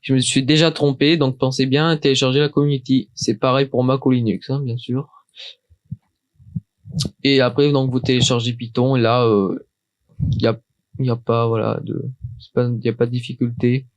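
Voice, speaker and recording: A man walks through a software install at his desk in a loose, chatty way, stumbling over words and restarting his sentences. His pitch sits in the middle of the usual range. The sound is dry and close, with no room around it. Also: little pitch movement, moderate pace, no room sound, highs cut off. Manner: hesitant, many restarts and fillers, chatty. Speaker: tutorial maker. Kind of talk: casual screen-recorded software tutorial.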